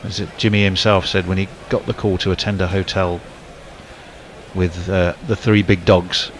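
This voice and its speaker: A man's voice: sits low, level tone, moderate pace, slight background noise. A man doing casual ball-by-ball cricket commentary, rambling with fillers and restarts.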